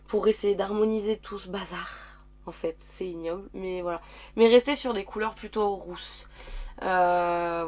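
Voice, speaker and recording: A woman in her early thirties talks through her makeup routine in a loose, rambling way, with frequent sighs and restarts. Her voice has a slight croak left over from a recent illness. She is recording at home in a small dressing room, speaking straight to a camera in front of her. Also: medium pitch. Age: 30s. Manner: rambling, chatty, with sighs and self-corrections. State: recovering from covid, slightly croaky. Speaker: beauty vlogger. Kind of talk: casual makeup tutorial chat.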